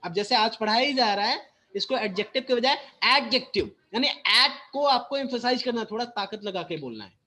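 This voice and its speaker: Indian English teacher explaining patiently. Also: male voice, very high voice, expressive, pushed and bright. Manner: switches between Hindi and English, slow and deliberate explanations. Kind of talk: bilingual classroom teaching. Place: school classroom.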